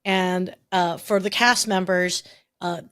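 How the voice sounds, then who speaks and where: A woman's voice: fairly low pitch, steady tone, slow pace, a bit bright, clean tone. A middle-aged woman co-hosting a podcast, telling stories in a chatty way with frequent restarts. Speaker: podcast co-host. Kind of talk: casual chat.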